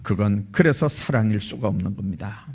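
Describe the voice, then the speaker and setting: A man's voice: moderate pace, vocal fry, a little mellow, breathy edge. A man who is a pastor, preaching a sermon in a church with impassioned swells and emotional emphasis. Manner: impassioned preaching with big swells in pitch and volume. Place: church sanctuary.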